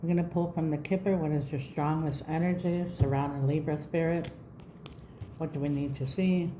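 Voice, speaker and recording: A woman's voice: sits low, steady tone, moderate pace, mellow, a little hiss or hum, rough recording. A woman with a lisp, speaking as a tarot reader giving a reading to her viewers. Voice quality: lisping after mouth surgery. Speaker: tarot reader, channel host.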